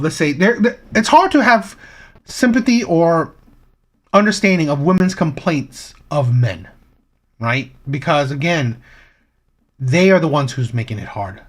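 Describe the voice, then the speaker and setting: A man hosting a live stream, giving casual commentary on clips in a lecturing way, full of rhetorical questions and repeats. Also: fairly high pitch.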